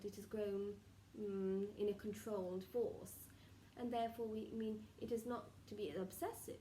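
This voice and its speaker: Woman as a mellow, solemn channelled spirit guide. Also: medium pitch, close to an everyday voice. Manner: formal, halting, stilted phrasing with murmured pauses. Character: solemn benevolent collective of spirit guides advising a client. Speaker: trance channeller, spirit medium. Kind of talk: seance medium channelling, improvised spiritual counsel. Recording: roomy, distant mic with faint noise.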